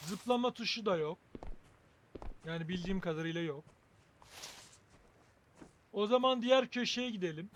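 A man's voice: high voice, expressive, normal speed, pauses often, a bit bright, slight background noise. A man hosting a gaming video with casual playthrough commentary, wry and joking as he thinks aloud.

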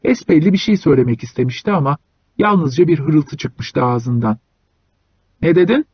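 A man reading a short story aloud as an audiobook narrator, in a measured storytelling manner. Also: on the high side, lively intonation, breathy edge, no echo, lo-fi sound. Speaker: audiobook reader.

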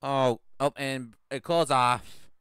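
A man giving halting let's play commentary on a video game, repeating himself and trailing off. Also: medium pitch, fairly even intonation, fairly bright tone, clean tone, no echo, clean studio sound. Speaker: gamer.

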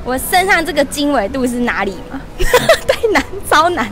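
A woman in her twenties hosting a lively livestream shopping promo in a mall store, chatty and laughing often. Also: high voice, normal speed, over music. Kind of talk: lively live-stream product promo. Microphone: wired lapel mic held in hand.

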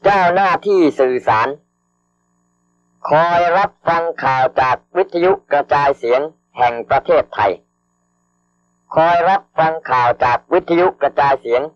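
A man slowly dictating official government orders over radio, formal and measured, repeating each phrase and reading out the punctuation. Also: fairly high pitch, lively intonation. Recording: dull lo-fi archival radio broadcast.

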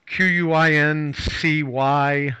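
A male talk-show host with a bright, crisp voice. He chats loosely, piling up fillers and false starts as he goes, in a dry, close sound. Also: a little high, fairly even intonation, slow, no echo, rough recording. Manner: rambling, full of fillers and restarts. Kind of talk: casual talk-show chat.

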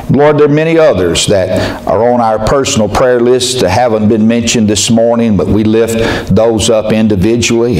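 Older preacher at the pulpit, homey storytelling with lots of uh's, roomy echo. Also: male voice, on the low side, darkish tone. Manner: folksy storytelling, frequent "uh" restarts. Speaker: pastor. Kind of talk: prayer and sermon. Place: small church sanctuary. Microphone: pulpit mic. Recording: echoey church from camera.

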